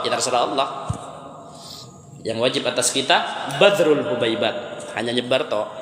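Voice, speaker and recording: A man's voice: mid-range voice, fairly bright tone. A male preacher, giving a chatty, story-filled Ramadan sermon on Quran commentary with Arabic verses mixed in. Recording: echoey hall reverb.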